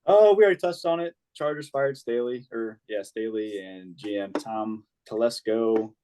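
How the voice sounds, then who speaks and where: A man with a very low voice, hosting a laid-back sports podcast. He moves the talk along in an easygoing drawl. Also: moderate pace, warm tone, clear, resonant tone. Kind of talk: casual chat.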